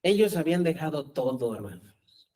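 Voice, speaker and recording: A man's voice: a little high, sing-song, moderate pace, mellow, low-quality recording. A man preaching a sermon as pastor, talking conversationally and often asking his congregation rhetorical questions.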